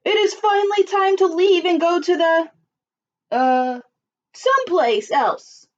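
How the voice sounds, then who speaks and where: Woman playing a loud scheming papa dinosaur. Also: extremely high pitch, animated, slow, voice pushed up, full character voice. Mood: sly excitement. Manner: theatrical, stretching out words. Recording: dull lo-fi recording.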